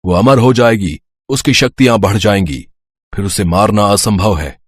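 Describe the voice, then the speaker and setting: A man voicing a very old tantric holy man in an animated story, speaking with solemn warnings. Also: fairly low pitch, normal speed, husky, no room sound. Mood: urgent.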